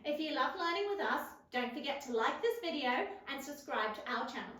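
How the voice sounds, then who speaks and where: A woman's voice: high-pitched, lively intonation, fairly quick, fairly bright tone. A woman hosting an interactive toddler lesson in an encouraging, exaggerated kindergarten teacher voice. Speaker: children's show host. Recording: echoey room, distant mic, music behind.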